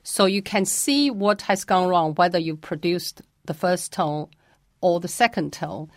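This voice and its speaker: A woman's voice: lowish voice, dry recording, clean studio sound. A woman who teaches Mandarin, answering interview questions patiently and carefully, and demonstrating pronunciations as she explains.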